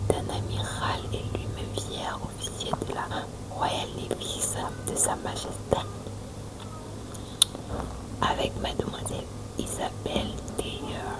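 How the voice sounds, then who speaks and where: A woman doing whispered ASMR storytelling, reading aloud in a soft, breathy and gentle whisper with chatty asides. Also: low-quality recording. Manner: slow, gentle delivery.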